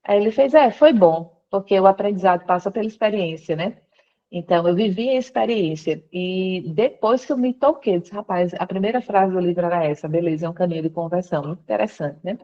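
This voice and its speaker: Her voice is lowish and brisk, the recording muffled: a woman on a call from her workplace shares her conversion story for a testimony interview. She tells it as a story, quoting others and shifting her voice lively to play them.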